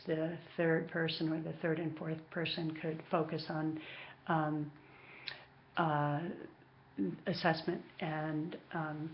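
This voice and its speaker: A woman instructor giving an informal announcement to her class in a hesitant, pensive way, pausing often to think, on a dull, muffled recording. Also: sits low. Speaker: course instructor.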